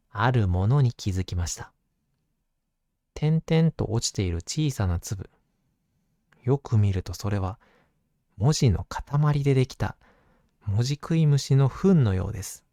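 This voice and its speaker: A man with a mellow, relaxed voice reads a bedtime picture book in a gentle way, as if soothing a child. His pitch sits in the middle and the sound is close and dry. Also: no echo. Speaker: storybook narrator.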